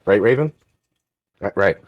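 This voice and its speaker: A man's voice: fairly low pitch, lively intonation, unhurried, dry recording, muffled recording. A young man co-hosting a podcast in casual chat, rambling through lists and teasing playfully. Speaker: podcast co-host.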